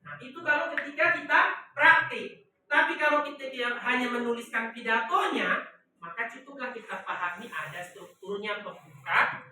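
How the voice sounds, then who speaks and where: Woman teacher, bright tone, fairly high voice, prompting the class, echoey room, distant mic. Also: moderate pace, slight background noise. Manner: prompts the class to finish her sentences. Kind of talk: classroom lesson.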